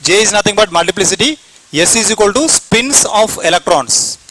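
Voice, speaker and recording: In this classroom lecture, an Indian English-accented man runs a chemistry lesson, going over points again and answering his own questions. He sounds high-pitched, animated and brisk, bright and forceful, though the recording is rough.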